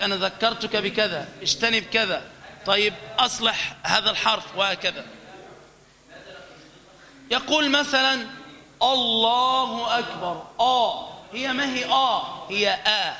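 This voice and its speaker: A man giving a religious lesson, explaining slowly and singing drawn-out example phrases. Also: high voice, pushed and bright, long reverb tail. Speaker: teacher of call to prayer pronunciation.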